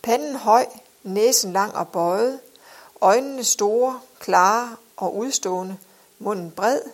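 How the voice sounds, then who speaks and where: A woman narrating an audiobook in a measured, expressive reading style. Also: medium pitch.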